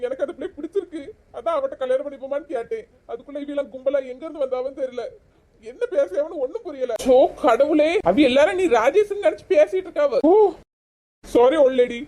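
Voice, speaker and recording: A woman's voice: high-pitched, fast talker, warm tone. Exasperated woman. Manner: exasperated, mixes in English words. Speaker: comedy sketch performer. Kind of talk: comedy sketch acting.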